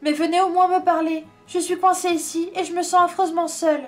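A woman reading aloud, voicing a gentle, lonely old male giant who speaks softly and pleads for company. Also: high-pitched, lively intonation, a little fast. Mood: pleading. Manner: pleading, soft-spoken. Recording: faint background music.

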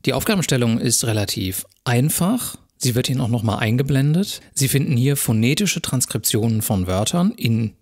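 A male lecturer with an ordinary middle-pitched voice guides viewers through exam questions one step at a time. His delivery is calm, measured and methodical, much like a recorded university lesson.

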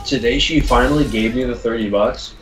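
A man's voice: medium pitch, a little fast, a bit bright, poor audio. A man chatting casually and joking with friends during a video game, in a laid-back, rambling way. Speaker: channel host, gamer. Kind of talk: casual voice chat while gaming. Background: game music and sounds.

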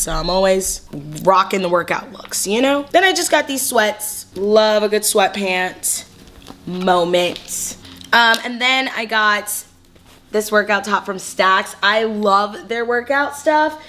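A young woman from California talks through a casual haul vlog in a bubbly, chatty, slang-filled way. Her voice sits at an ordinary middle pitch for a woman, and she rattles along in quick bursts, then slows to linger on a word. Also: fairly bright tone. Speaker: fashion vlogger.

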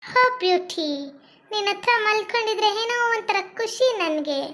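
Woman as sing-song, leering cellmate in a comic skit; high voice. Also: normal speed, fairly bright tone. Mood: taunting. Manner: taunting, sing-song repetition. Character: pushy, leering female cellmate, bossy.

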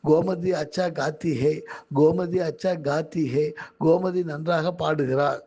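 Man, slow deliberate reading, gravelly edge. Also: fairly high pitch, fairly even intonation, dark tone. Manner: slow, measured, careful reading. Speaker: magazine editor reading his own monthly. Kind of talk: slow scripted reading of magazine articles.

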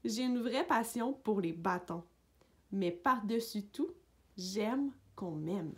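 A woman reading a picture book aloud for young children, narrating gently in a dog's voice of first person. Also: mid-range voice, expressive, takes it slowly. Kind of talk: read-aloud storybook narration.

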